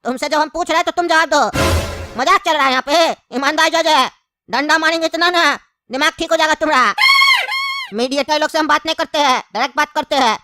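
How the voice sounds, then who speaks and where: A woman's voice: high-pitched, a little fast, bright, forceful tone, soft background music. A woman voicing a bossy male judge in a comedy skit who scolds and mocks the accused. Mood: scolding. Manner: scolding, mocking, threatening.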